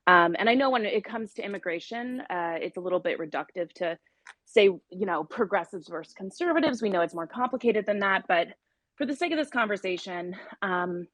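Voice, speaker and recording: A woman speaking thoughtfully on an online panel, pausing with fillers as she lays out her points. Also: medium pitch, animated, a bit bright, dry recording. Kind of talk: panel discussion. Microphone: audio-only online talk.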